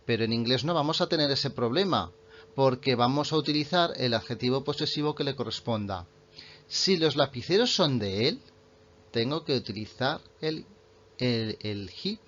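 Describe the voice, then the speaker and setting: A man, a native Spanish speaker, explaining English grammar in an online lesson and slowing right down to read example sentences. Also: mid-range voice, animated, fairly bright tone, highs cut off, a little hiss or hum. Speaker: English teacher.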